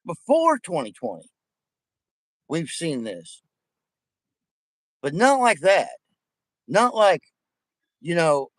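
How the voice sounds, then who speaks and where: A vlogger talking to his viewers goes on a casual rant full of profanity, rambling, emphatic and repetitive. He has missing front teeth and a voice on the high side, and the recording is dry.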